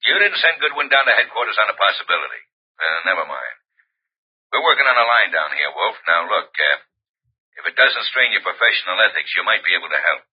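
An actor playing a brusque, impatient police inspector on the telephone in an old radio drama. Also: male voice, fairly low pitch, big pitch swings, quick pace, slightly rough. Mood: brusque, needling. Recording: muffled vintage radio, telephone scene.

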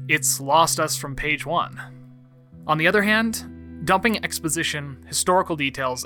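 Male essay narrator, slightly high and bright, dry close sound, articulate scripted delivery over music.

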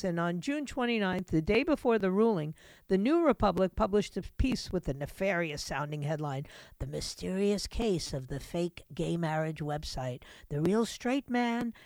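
A woman's voice: mid-range voice, no room sound. A middle-aged woman hosting a talk radio show, giving a sardonic, opinionated monologue full of asides.

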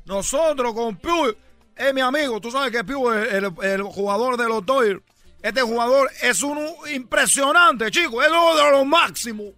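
A man's voice: extremely high pitch, normal speed, bright, forceful tone, soft background music, full character voice. A man voicing a boastful, rambling Cuban baseball fan for a radio comedy sketch, with a put-on Cuban Spanish accent and constant "chico".

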